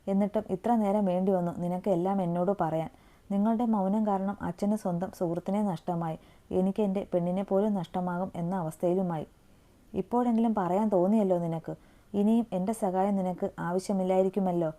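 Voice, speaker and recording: A woman's voice: mid-range voice, steady tone, fairly quick, warm tone, natural voice. Woman reading a hurt, loyal young man. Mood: reproachful.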